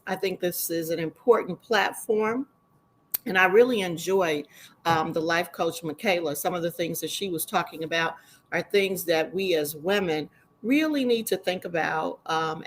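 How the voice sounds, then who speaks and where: Lower-pitched woman educator, conversational. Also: normal speed, a little hiss or hum, rough recording. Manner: warm, conversational with frequent ums. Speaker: panelist, educator. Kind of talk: online panel talk.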